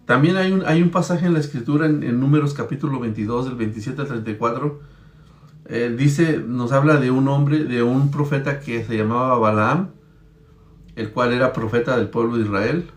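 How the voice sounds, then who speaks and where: Preacher in an echoey room. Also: male voice, medium pitch. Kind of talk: Bible-teaching sermon.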